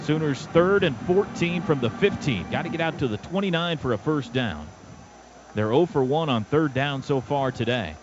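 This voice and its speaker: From a stadium radio booth, an American man calls live football play-by-play in short, clipped present-tense bursts, his voice on the high side and expressive at a moderate pace, with music underneath. The broadcast is dull and noisy, and outdoor stadium noise comes through clearly.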